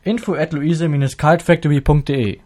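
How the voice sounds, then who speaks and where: A man's voice: on the high side, normal speed, darkish tone. A young man promotes events as a volunteer. He reads scripted lines for a youth radio spot. He addresses his peers directly and informally.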